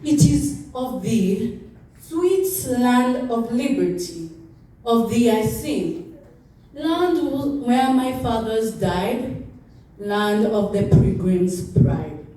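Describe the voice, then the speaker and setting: A woman giving an impassioned, oratorical recitation of a famous speech, with deliberate pauses and repetition. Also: on the high side, animated, dark tone. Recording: very echoey, distant from the mic.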